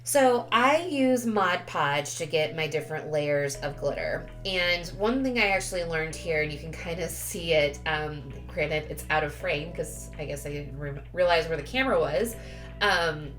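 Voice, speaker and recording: Over background music, a low-voiced woman talks unhurriedly and expressively, her tone a bit bright. Her craft tutorial voice-over is relaxed and chatty, though she's sniffly with a cold and often corrects herself.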